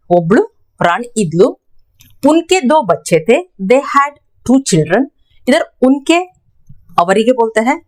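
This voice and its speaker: A woman teaching a language lesson, slowly repeating each example phrase for her learners. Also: fairly high pitch.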